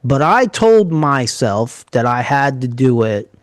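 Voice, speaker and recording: A man with a New York area accent, co-hosting a casual podcast and telling stories in an animated, joking way. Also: medium pitch, slow, dry recording. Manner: animated storyteller, jokey. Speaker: podcast co-host.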